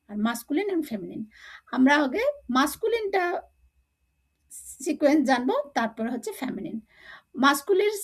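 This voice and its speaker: A woman teaching a language lesson, explaining slowly and drilling word lists aloud for learners to repeat. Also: sits high. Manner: slow drilling recitation, repeating words for learners. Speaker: Arabic teacher.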